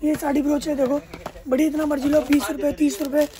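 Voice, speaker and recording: With crowd noise around him in a busy indoor market shop, a young wholesale shopkeeper rattles off prices at a fairly quick clip. He keeps a level tone while pushing an emphatic sales pitch and repeating his terms.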